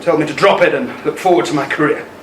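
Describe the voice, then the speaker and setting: This fast-talking man with a slightly high voice gives a lightly acted turn as a regretful former soldier and husband in an amateur radio drama, his hesitant emotion tinged with haunted bitterness over a lost love. The sound is roomy, with a distant mic and faint noise.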